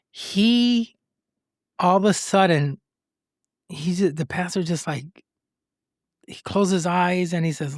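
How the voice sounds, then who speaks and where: A man's voice: a little high, no room sound, studio quality. A man from Rico, hosting a podcast and earnestly telling a personal story, rambling and acting out what people said. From Puerto Rico. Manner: earnest, rambling, acts out the voices of people he quotes. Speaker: podcast host.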